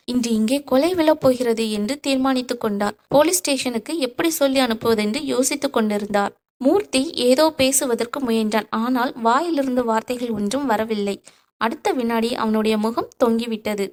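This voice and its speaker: High-voiced woman reading a short story. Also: moderate pace.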